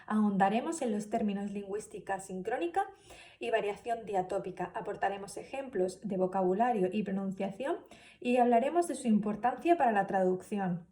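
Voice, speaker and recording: Woman, class presentation, hesitant, lots of fillers, mellow tone, mic at a distance. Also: mid-range voice, normal speed. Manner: hesitant, many fillers and restarts. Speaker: student presenter.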